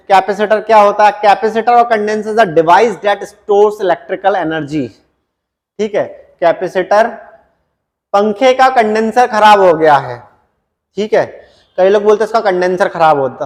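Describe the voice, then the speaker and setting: A man teaching an exam-prep science lecture, repeating key points and reading English definitions slowly, word by word. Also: high-pitched. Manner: repetitive, drilling, frequent "ठीक है" check-ins. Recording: long echo in a reverberant room.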